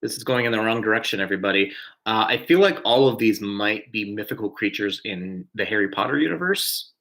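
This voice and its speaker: A man's voice: on the low side, brisk, creaky, a bit bright, poor audio. A man hosting a live-streamed trivia night, chatty and self-deprecating, often chuckling at his own mistakes. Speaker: trivia host.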